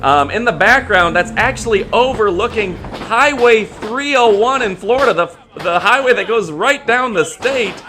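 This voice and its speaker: A man's voice: sits high, animated, moderate pace, few pauses, sharp tone, slight background noise. A man commentating on lucha libre wrestling as a hyped, promotional announcer calling the moves play by play.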